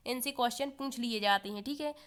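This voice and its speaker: A woman runs an exam-prep lesson, repeatedly asking the learners questions and then answering them herself, coughing now and then. Her voice is fairly high, fairly quick, somewhat bright and clean.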